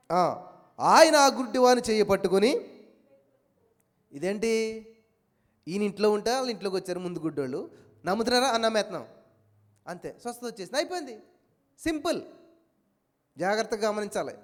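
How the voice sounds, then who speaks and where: A man preaching a sermon with fervour, calling out hallelujah and amen, then dropping to a low, confiding voice. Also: in a large hall. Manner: fervent, repeated hallelujahs and amens, swings from shouting to near-murmur. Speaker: pastor.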